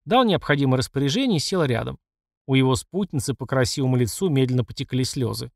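Brief: male storyteller, lively intonation, dry close sound. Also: medium pitch, quick pace, vocal fry, no echo. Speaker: audiobook narrator. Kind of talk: scripted narration.

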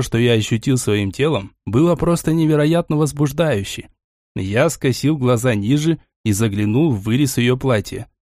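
A man narrating a first-person audiobook in an expressive storytelling manner. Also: a little high, no room sound, clean studio sound.

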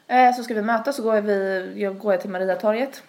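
A woman's voice: mid-range voice, darkish tone. A young woman, rambling through a long story in casual podcast chat, full of fillers. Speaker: podcast host.

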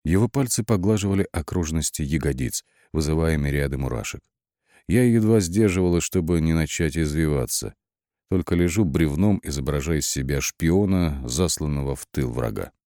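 A man narrating an audiobook in the first person, with lively, wry storytelling and shifting emphasis. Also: very deep voice, normal speed, no room sound, clean studio sound.

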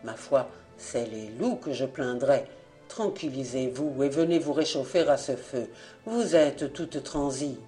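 A woman voicing a young nobleman who speaks gently and courteously, low and unhurried. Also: faint music behind. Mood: soothing. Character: young nobleman, soft-spoken, courtly and smooth.

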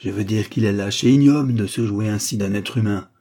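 A man's voice: fairly low pitch, fairly quick, warm tone. A man voicing a bitter, grieving male doctor who lashes out indignantly, hammering each word. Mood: furious, contemptuous.

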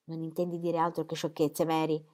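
A woman's voice: deep voice, monotone, a little fast, warm tone, close to an everyday voice. Woman reading as a joking young spendthrift. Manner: joking, pleading. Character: cheerful, spendthrift young man.

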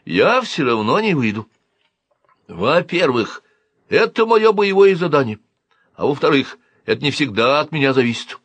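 A man's voice: fairly high pitch, big pitch swings, moderate pace, a bit bright, dry recording, voice pushed up, full character voice. A man voicing a smug, patronizing alien security officer who speaks from inside a boy's head. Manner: soothing, patronizing.

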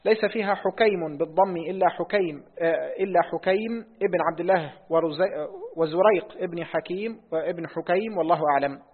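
Brief: male student reciting a text in a lesson, husky voice, tinny hall recording. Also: sits high. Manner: reads quickly, repeats lines on request. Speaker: student reading the text aloud. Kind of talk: reading a hadith text in class. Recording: tinny phone-like audio in a reverberant hall.

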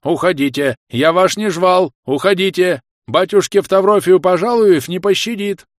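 A man's voice: fairly high pitch, normal speed, no echo, studio quality, pitched above the performer's own voice, natural voice. A man voicing a stubborn old village grandfather who speaks with a lisp. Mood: frantic. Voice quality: lisping.

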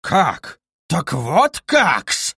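A man reading aloud voices a pompous, sarcastic middle-aged gentleman in a stiffly formal manner. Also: fairly high pitch, lively intonation, normal speed, dry recording, studio quality. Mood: furious. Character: sneering pompous middle-aged male suitor.

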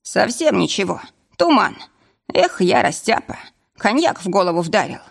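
A woman's voice: mid-range voice, very animated, moderate pace, creaky. A woman doing a tipsy clumsy young man. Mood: rueful. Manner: rueful, complaining.

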